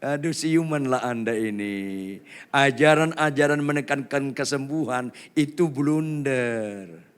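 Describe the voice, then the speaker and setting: A male pastor preaching a lively sermon, swinging between loud cries and hushed asides while urging the congregation to answer louder. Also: mid-range voice, slow, smooth. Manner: quizzes the congregation and urges them to answer louder.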